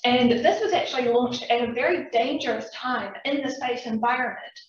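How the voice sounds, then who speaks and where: A young woman with a New Zealand accent gives a friendly, chatty public science talk to a live audience, addressing them directly. Her voice is a little high and moderately paced, and the large lecture room makes the recording echoey, distant and dull.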